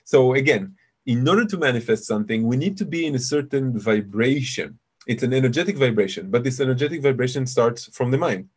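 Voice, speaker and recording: A meditation teacher hosts a casual live webinar, chatty and explanatory, calling his listeners "you guys." His deep voice sits at an ordinary middle pitch and is animated, fairly quick and breathy at the edges. He comes through a computer mic on a video call.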